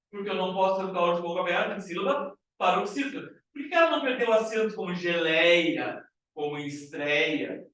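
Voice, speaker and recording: High-voiced man teaching in an echoey room. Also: recorded from a distance. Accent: Brazilian Portuguese. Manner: lively, checks in with frequent rhetorical questions. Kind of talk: classroom grammar lesson. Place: classroom.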